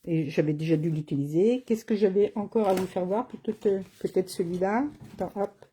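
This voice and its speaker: A woman's voice: fairly low pitch, fairly quick, mellow, slightly rough. A woman running a live card-making tutorial as a craft demonstrator, chatty and teasing, speaking to viewers by name. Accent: has an accent, not named.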